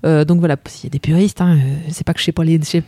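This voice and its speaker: A woman from Paris reviewing manga in a casual panel chat, lively, with many fillers and laughs. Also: sits low, racing, dry recording.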